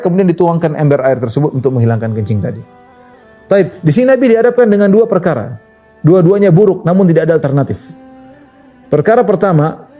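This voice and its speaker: A man preaching a sermon, telling stories in an animated, conversational way with wide swings in pitch. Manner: casual conversational phrasing. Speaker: Islamic preacher.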